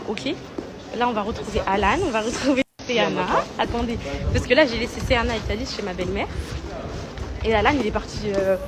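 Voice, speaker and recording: A woman influencer telling her followers a story in a rapid, chatty, slangy way, talking into her phone. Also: fairly high pitch, echoey room, noisy background. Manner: rapid, chatty, slangy, addresses fans as "mes poupettes". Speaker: lifestyle influencer.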